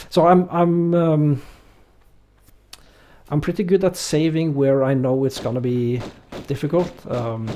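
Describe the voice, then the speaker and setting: A slow-paced, fairly high-pitched man with a Norwegian accent plays a game on stream. He chats easily with viewers and reads their messages out, sounding relaxed and hesitant with many fillers. He is from Norway.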